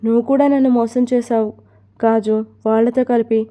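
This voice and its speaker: A woman's voice: on the high side, fairly even intonation, normal speed, dark tone, close to an everyday voice. A woman voicing an upset young woman who protests against a forced marriage. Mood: protesting. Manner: protesting, pleading.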